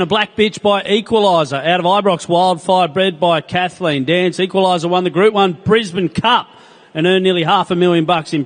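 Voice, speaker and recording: A man working as an auction announcer, presenting each lot with its details. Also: high-pitched. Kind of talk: announcing lots with pedigree details.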